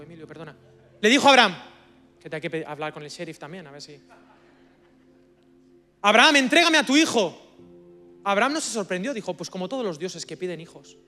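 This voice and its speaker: A man with an accent from Spain preaching a sermon as guest speaker at a church service, swinging from hushed asides to loud bursts. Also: high voice, fast talker, faint music behind. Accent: Spanish from Spain.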